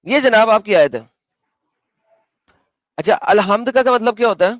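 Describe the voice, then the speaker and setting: A man hosting an argumentative online debate, pressing his opponent with questions and spelling his points out slowly over a call. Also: high voice, lively intonation, a bit bright, dry recording, dull audio.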